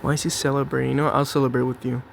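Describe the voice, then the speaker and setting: A man's voice: mid-range voice, level tone, rapid-fire, vocal fry, noisy background. A young man giving casual, jokey commentary on his own match, talking to himself and to his opponent. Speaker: gameplay commentator. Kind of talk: live gameplay commentary.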